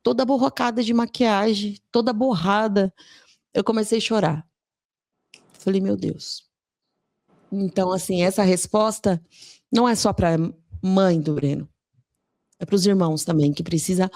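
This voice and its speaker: A woman hosting a true-crime podcast, asking gentle, slow questions in an emotional interview. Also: medium pitch, no room sound, clean studio sound. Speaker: podcast host.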